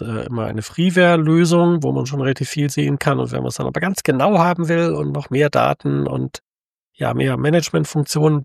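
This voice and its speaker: A man's voice: medium pitch, creaky, dry recording, studio quality. A man talking in a casual, thoughtful monologue, with many fillers and restarts.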